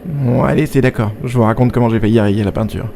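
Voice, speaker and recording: A man's voice: mid-range voice, fast, vocal fry, warm tone, slight background noise. A man who is a student pilot, giving a casual, self-deprecating explanatory voice-over. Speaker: student pilot narrating own flight video. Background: music.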